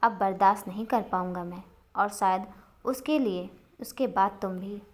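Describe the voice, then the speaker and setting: A woman's voice: medium pitch, normal speed, natural voice. Woman reading as angry jealous young husband, curt and brooding, storybook style.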